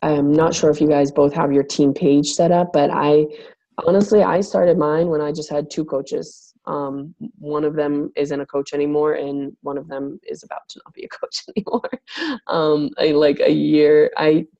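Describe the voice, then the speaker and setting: A woman with a low, gravelly, husky voice that sounds like she is losing it. She talks casually to her team and rambles with plenty of fillers. Her tone is dark and mellow. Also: flat delivery, normal speed, highs cut off. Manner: rambling, filler-heavy, acts out quotes with big pitch jumps. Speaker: team leader of fitness coaches. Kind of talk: casual talk on a team call.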